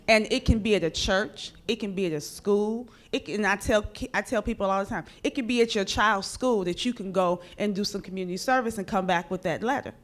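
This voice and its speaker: Plainspoken woman judge addressing a crowd. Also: mid-range voice. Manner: plainspoken, direct, addresses the audience. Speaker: judge and former public defender. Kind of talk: explaining law to a community audience. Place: community meeting room.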